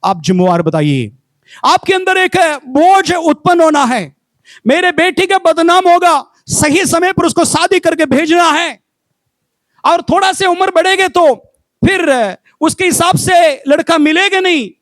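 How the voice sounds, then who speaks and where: Male pastor, fifties, very high voice, dry close sound, fervent sermon delivery. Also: unhurried, no room sound. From Kerala, India. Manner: animated storytelling that rises to fervent exhortation.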